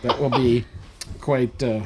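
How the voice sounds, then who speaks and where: A man guesting on a podcast, bantering in a lively, laughing way. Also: mid-range voice, takes it slowly, heavy background noise. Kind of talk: casual chat.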